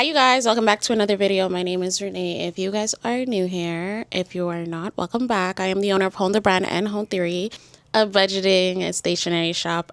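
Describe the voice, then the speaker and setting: A young woman talks straight to her viewers, her voice a little congested from a cold. Her tone sits low with a gravelly edge. She is candid and earnest, and the sound is dry and close. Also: dry recording. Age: young adult. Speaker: vlogger and small business owner. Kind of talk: casual personal vlog.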